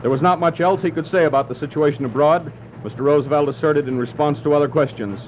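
A male announcer with a slightly raised pitch reads bulletins in a crisp, clipped manner. His voice comes through an old newsreel-style archival broadcast, muffled and dulled. A faint hiss sits under it. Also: quick pace, a little mellow. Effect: old newsreel-style archival broadcast sound. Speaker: radio news announcer. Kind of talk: formal news bulletin reading. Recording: muffled, hissy old radio recording.

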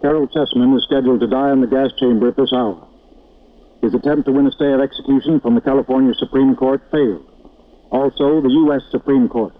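A man reading radio news bulletins in a measured, formal newsreader manner, heard as an old lo-fi radio broadcast. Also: mid-range voice, fairly even intonation, slight background noise. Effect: old lo-fi radio broadcast sound. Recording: tinny narrow-band vintage radio broadcast.

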